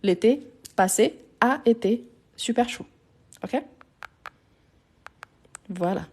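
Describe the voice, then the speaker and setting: A woman's voice: on the high side, expressive, slow, a little mellow, a little hiss or hum. A woman teaching a live online French lesson, explaining grammar patiently step by step and often checking in with her viewers.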